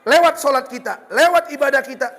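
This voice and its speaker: A man with a Betawi accent preaching a lively, joking sermon, slipping into Betawi slang. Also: very high voice, a little fast, long reverb tail. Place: hall with religious gathering.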